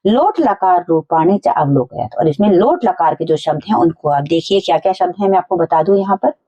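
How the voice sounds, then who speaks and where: A woman teacher explaining a school lesson to children, going slowly and repeating each point in simple words. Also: fairly low pitch, dark tone, lo-fi sound.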